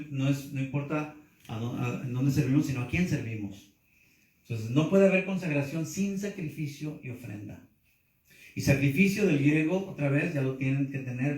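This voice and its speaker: A man's voice: medium pitch, darkish tone. A male pastor teaching a sermon in an earnest way, repeating his points and often checking in with his listeners. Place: church hall. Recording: echoey hall, mic far off.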